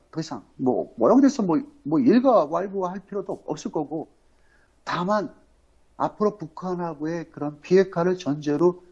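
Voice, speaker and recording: A man from Incheon hosting a political livestream, talking in a rambling, halting way full of fillers and emphatic rhetorical questions. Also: on the high side, darkish tone, slightly rough. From Incheon, South Korea. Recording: dull lo-fi audio.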